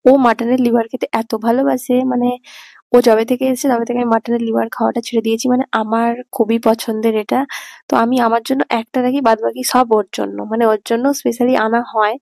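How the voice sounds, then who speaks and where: Hoarse-throated woman narrating a vlog. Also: a little high, little pitch movement, fast talker, darkish tone, dry recording. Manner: chatty, mixes in English words. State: slightly hoarse morning throat. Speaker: vlogger. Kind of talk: casual voice-over narration. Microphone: voice-over mic.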